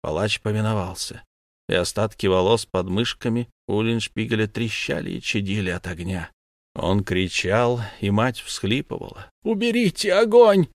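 A man narrating an audiobook in a measured, grave reading. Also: fairly low pitch, no room sound, clean studio sound. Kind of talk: scripted storybook narration.

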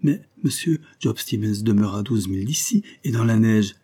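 A man voicing a kindly woman housekeeper who speaks warmly and anxiously. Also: on the low side, lively intonation, moderate pace, slightly rough. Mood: fretful. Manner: warm, anxious.

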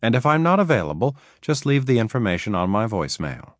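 A man voicing a smooth-talking woman identity thief who sweet-talks people on the phone. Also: medium pitch, very animated, quick pace, no echo, studio quality, voice pushed up, natural voice. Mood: businesslike. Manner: seductive, persuasive phone pretexting.

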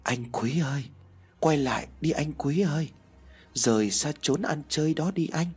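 Gentle pleading ghost girl, soft and a bit husky, storybook reading, voiced by a man. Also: on the high side, moderate pace, voice pushed up. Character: gentle young woman ghost pleading softly.

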